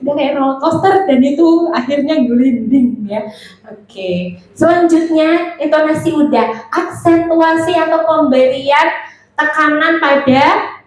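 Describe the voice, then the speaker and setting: A woman's voice: high voice, unhurried. Playful Javanese woman lecturing in a hall. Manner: playful, teasing the audience, mixing in Javanese. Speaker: speaker at a communication seminar. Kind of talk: lively seminar talk. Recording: echoey hall.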